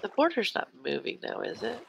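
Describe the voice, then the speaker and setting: A woman's voice: fairly high pitch, very animated, fairly quick, gravelly, fairly bright tone, a little hiss or hum, rough recording. A woman hosting a casual gameplay session, chatting and thinking aloud as she plays. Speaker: host. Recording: faint music behind.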